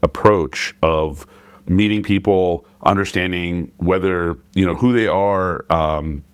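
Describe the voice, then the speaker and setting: A middle-aged podcast host with a very low voice who talks thoughtfully and hesitates often. The recording is dry and close. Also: male voice, takes it slowly, clean tone, no echo. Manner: hesitant, many fillers and restarts, thoughtful. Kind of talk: casual conversational interview.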